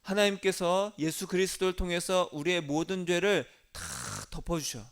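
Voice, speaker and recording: A male pastor preaching a sermon earnestly, moving between hushed intimate passages and raised urgent appeals, acting out quoted prayers in his own voice. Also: high voice, steady tone, normal speed, clean tone.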